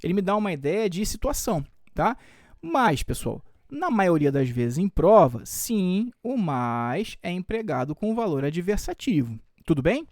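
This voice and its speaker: A man's voice: high-pitched, big pitch swings, measured pace, darkish tone, dry recording, clean studio sound. A Brazilian man teaching Portuguese for exams, explaining step by step and often checking in with his students. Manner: explains step by step with frequent check-ins like "tá?" and "tudo bem?". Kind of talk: exam-prep video lesson.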